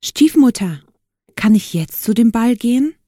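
A woman voicing a kind, downtrodden young girl in a spoken storybook, with a gentle, pleading manner. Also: fairly high pitch, expressive, unhurried, no room sound, clean studio sound, pitched above the performer's own voice.

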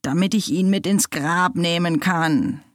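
A woman's voice: on the low side, a little slow, no echo, studio quality, lightly acted. A woman doing a menacing dead old woman.

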